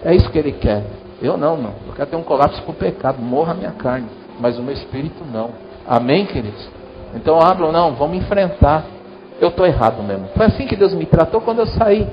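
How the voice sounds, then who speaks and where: A man's voice: on the high side, expressive, quick pace, lo-fi sound, over music. A Brazilian man, a pastor, giving a sermon in a church in a chatty style, talking straight to the congregation. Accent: Brazilian Portuguese. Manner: conversational preaching, addresses congregation directly.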